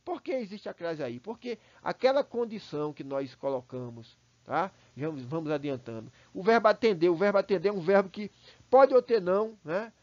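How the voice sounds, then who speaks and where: A man with a Brazilian Portuguese accent walks students through a grammar lesson in a fairly high voice, checking in with them often. He repeats words as he gathers his thoughts. The recording is dry and a little dull, like a basic home setup. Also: expressive, normal speed, a little mellow, no echo. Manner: explanatory, checks in with "né?" and "tá?", repeats words while thinking. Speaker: teacher. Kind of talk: recorded online class.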